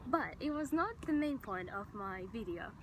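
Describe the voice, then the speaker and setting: Young woman vlogger from Estonia, higher pitched, chatty and enthusiastic, talking outdoors with faint ambience behind her. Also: expressive, normal speed, background noise. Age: young adult. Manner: chatty and enthusiastic, with many fillers. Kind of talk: casual chat to camera. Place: outdoors on grass, sitting on a stone.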